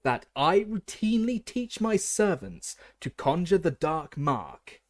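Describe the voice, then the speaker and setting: A man's voice: mid-range voice, very animated, a little slow, no room sound, studio quality, pitched above the performer's own voice. A man doing a coldly furious senior official. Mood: cold anger. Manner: icy, clipped, indignant. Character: cold, furious senior male ministry official.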